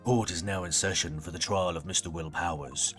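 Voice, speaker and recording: A man's voice: low-pitched, steady tone, fairly quick, a bit bright, soft background music. A man voicing a grumpy, formal old male judge from a courtroom video game in an old man voice. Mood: stern, formal. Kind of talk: video game character read-aloud.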